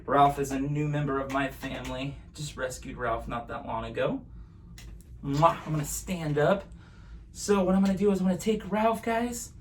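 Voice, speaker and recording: High-voiced kids party magician, man, distant mic. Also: normal speed. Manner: kids party magician, playful and chatty, addressing viewers as guys. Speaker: magician hosting a live magic show. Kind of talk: live kids' magic show patter. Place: at home in an apartment. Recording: distant mic, noisy room ambience.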